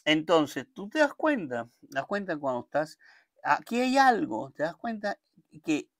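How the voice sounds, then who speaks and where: A man's voice: fairly high pitch, very animated, fairly bright tone, dry recording, clean studio sound. Chatty man teaching a language lesson. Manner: chatty, repeats words slowly for learners to copy. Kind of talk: casual spoken lesson.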